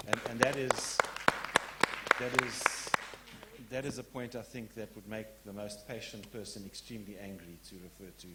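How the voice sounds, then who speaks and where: A man in the audience of a public lecture, making an earnest, frank statement and putting a question with some halting restarts. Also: on the low side, fairly even intonation, a crowd in the background, background noise. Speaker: audience member asking a question.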